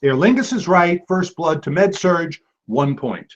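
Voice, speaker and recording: A man's voice: a little high, animated, unhurried. A man hosting an online trivia game as quizmaster, playful, with jokey asides. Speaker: trivia quiz host. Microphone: video call. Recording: dull lo-fi video call audio.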